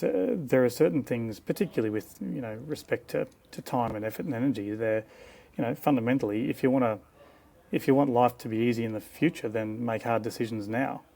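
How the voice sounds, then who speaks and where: A man's voice: mid-range voice, vocal fry, a little mellow. A middle-aged man with an Australian accent, a guest osteopath who speaks frankly and thoughtfully in a conversational interview. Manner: frank, reflective, opinionated. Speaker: guest osteopath and clinic co-director.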